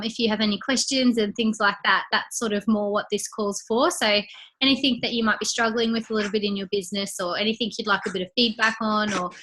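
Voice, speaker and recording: A woman's voice: a little high, bright, forceful tone. A woman leading a casual training call, chatty and upbeat, a bit congested and out of breath. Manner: chatty, upbeat, lots of fillers. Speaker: team leader hosting a training call.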